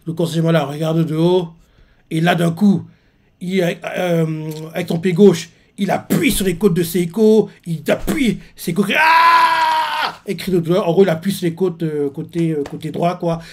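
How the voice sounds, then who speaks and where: A man's voice: a little high, fairly even intonation, moderate pace, mellow. A man casually recapping a manga chapter as a reaction host, rambling with many restarts. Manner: rambling, with constant filler tags and restarts.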